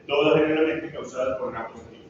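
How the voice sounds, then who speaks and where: Talking at a quick pace, a medium-pitched man with a Venezuelan Spanish accent lectures on pharmacology in a large classroom. He keeps questioning students and tossing in frequent "¿sí?" checks. He's recorded from afar, so the audio is echoey and muffled, with background noise.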